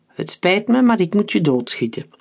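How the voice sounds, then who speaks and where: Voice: medium pitch, very animated, normal speed, creaky, darkish tone, voice pushed up. A narrator voicing a menacing male mercenary leader who mocks and relishes cruelty, in an audiobook. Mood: cold. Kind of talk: audiobook character voice.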